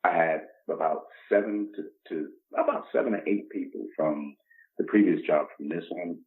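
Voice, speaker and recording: A podcast guest in his 50s, originally from the Bronx in New York, speaks at normal speed in a voice that sits low. His casual, motivational talk is emphatic and full of acted-out imagined dialogue, captured on a muffled, dull lo-fi recording.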